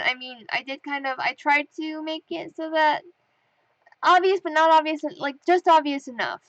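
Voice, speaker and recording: A young woman, a comic artist, chatting casually as she reads viewer comments aloud, animated and laughing often. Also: high voice, dry recording, rough recording. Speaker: webcomic artist reading comments. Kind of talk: casual chat.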